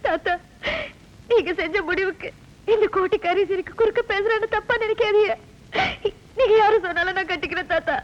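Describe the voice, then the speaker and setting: A woman's voice: extremely high pitch, steady tone, moderate pace. An actress playing a meek young village woman, crying as she pleads. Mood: tearful. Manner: pleading, humble. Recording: dull lo-fi film soundtrack.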